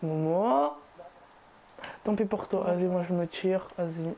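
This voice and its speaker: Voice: mid-range voice, unhurried, gravelly, dark tone, lo-fi sound. A young gamer bantering casually and bossily in French suburban street slang during a game. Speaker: video game player recording gameplay.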